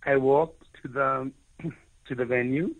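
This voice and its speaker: With a mid-range voice and fairly even intonation, a South African author whose first language is Afrikaans tells his own story as a guest, unhurried and earnest. He often restarts phrases while he searches for words. The sound is dry and comes over a tinny, phone-like line.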